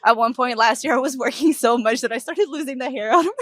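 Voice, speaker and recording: Young woman from Russia, interviewee outdoors in a park, chatty, lots of "like", higher voice, dry close sound. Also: fast talker, fairly bright tone, no room sound. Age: young adult. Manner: chatty, heavy use of "like", laughs often. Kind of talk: casual chat.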